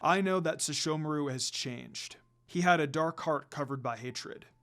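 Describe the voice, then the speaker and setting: A man voices a calm, kindly dog demon spirit, a father who speaks gently and solemnly, in a fan fiction reading. His voice leans high, and he keeps a moderate pace.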